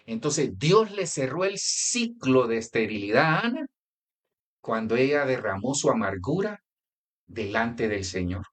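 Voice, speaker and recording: Male pastor, Colombian accent, conversational sermon delivery, animated swooping intonation. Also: mid-range voice, unhurried. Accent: Colombian Spanish. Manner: conversational preaching with anecdotes and direct address.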